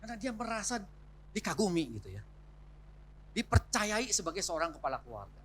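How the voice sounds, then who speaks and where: Guy giving a church couples talk, bright voice, chatty asides, slightly high. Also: very animated, brisk, slight background noise. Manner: warm, conversational teaching with frequent rhetorical asides. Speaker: marriage seminar speaker. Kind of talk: church marriage seminar talk. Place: church hall.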